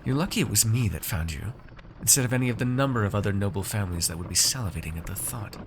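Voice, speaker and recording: In a fantasy ASMR roleplay, a man with a lowish, expressive voice plays a haughty, shrewd noble master addressing a servant. His phrases are measured, formal, and condescending, with a weary air, and there's background noise in the recording.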